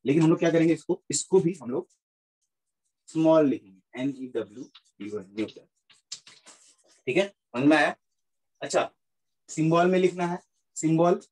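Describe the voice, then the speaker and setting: A man's voice: on the high side, darkish tone, rough recording. A man teaching a physics lesson in Hindi mixed with English, repeating points and checking that students follow. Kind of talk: classroom lecture mixing Hindi and English.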